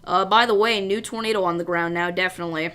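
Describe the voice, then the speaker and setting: A woman's voice: lowish voice, fairly even intonation, quick pace, fairly bright tone. A woman hosting a live severe weather stream, giving informal commentary and thinking aloud as she goes. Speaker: storm livestream host.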